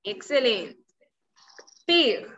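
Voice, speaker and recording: Young woman, native Spanish speaker, high voice, slow encouraging toddler-directed teaching, distant video-call sound. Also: very animated, a bit bright. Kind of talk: preschool vocabulary lesson for repeat-after-me practice. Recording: distant, slightly muffled video-call audio.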